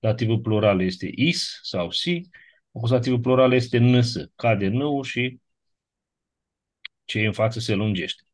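Reviewing grammar with his class, a man talks at medium pitch with lively intonation. His approach is methodical, and he tests understanding through short tag questions.

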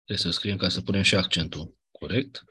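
A male teacher lectures on grammar in a patient, step-by-step way. His voice sits low and has a husky edge. He often pauses to check that the class follows and clears his throat now and then. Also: bright, forceful tone. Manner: patient explaining, frequent checks like "da?".

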